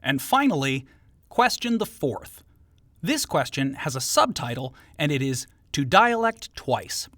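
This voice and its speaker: A man's voice: mid-range voice, very animated, unhurried, hardly any pauses, fairly bright tone, dry recording, studio quality. A male interview host reading playful scripted questions in a jokey, theatrical manner.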